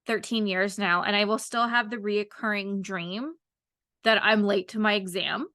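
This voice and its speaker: A woman's voice: medium pitch, fairly even intonation, normal speed, sharp tone, no room sound, studio quality. A woman in her thirties hosting a casual chat podcast, rambling with lots of fillers. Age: 30s. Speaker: podcast host.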